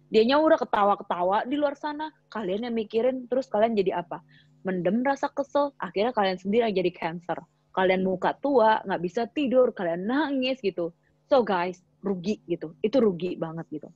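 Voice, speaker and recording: A woman's voice: fairly high pitch, a little mellow, no room sound, highs cut off. A woman giving a casual motivational talk to an online class, chatty, with English phrases dropped in. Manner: chatty, fills speech with 'gitu', drops in English phrases. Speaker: guest speaker in an online class.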